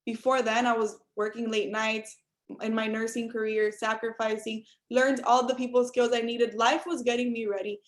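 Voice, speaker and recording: With a level tone and moderate pace, a young Cuban woman in her adult years delivers sincere motivation over a group call. Her pitch is fairly high, the sound is call audio, and she speaks straight to "you all."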